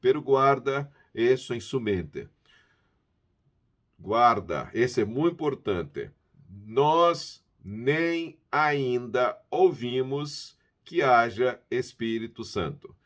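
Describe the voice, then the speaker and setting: A man giving a language lesson from Bible verses, repeating words slowly to model how they sound. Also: medium pitch, expressive. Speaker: language teacher. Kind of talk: Bible-based pronunciation lesson.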